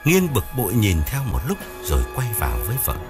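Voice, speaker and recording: A man narrating a ghost story audiobook in an expressive, dramatic way, with soft music behind. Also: fairly low pitch, fairly quick.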